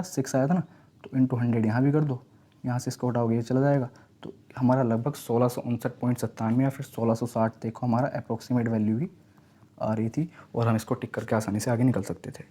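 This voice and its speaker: Mellow-voiced man teaching math. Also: medium pitch. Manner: explains step by step, often asks and answers himself; reads English question text slowly, then explains it in Hindi. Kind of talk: exam-prep math lesson.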